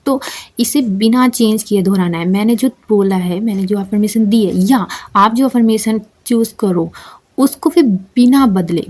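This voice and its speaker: A woman's voice: medium pitch, warm tone. A young woman giving a casual, chatty lesson, repeating phrases and often checking that listeners follow. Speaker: manifestation coach. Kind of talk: casual instructional talk to camera.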